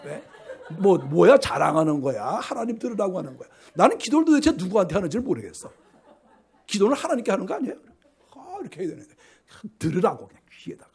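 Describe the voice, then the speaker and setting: A man's voice: sits high, fast, slightly rough. A middle-aged man preaching a sermon as pastor, telling stories and acting out the voices of church members. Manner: animated storytelling, acting out quoted church members.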